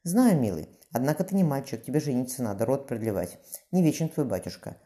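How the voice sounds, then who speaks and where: Cruel commanding young tsar, read by a man, brisk, dark timbre. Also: mid-range voice, sing-song, close to an everyday voice. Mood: tender.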